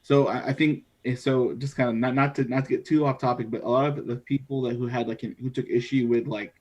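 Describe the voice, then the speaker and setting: A man in a casual film discussion, talking in a relaxed, conversational way that often trails off. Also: medium pitch, fairly quick. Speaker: podcast panelist.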